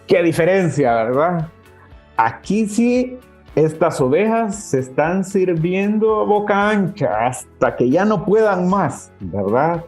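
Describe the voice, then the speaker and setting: A man's voice: high-pitched, sing-song, slow. Man, church teacher, chatty, faint music underneath. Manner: warm conversational, addresses listeners as brothers. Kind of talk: casual teaching talk. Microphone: webcam.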